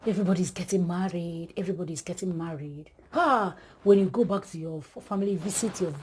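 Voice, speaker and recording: A woman's voice: fairly low pitch, a little fast, a little mellow, slight background noise. A woman preaching an exhortation, speaking straight to her listeners with emphatic repetition.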